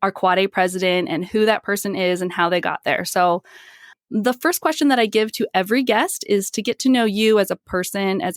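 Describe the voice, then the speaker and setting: A woman hosting a podcast interview, enthusiastic and quick to laugh. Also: mid-range voice, no echo, studio quality. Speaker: podcast host. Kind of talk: casual interview.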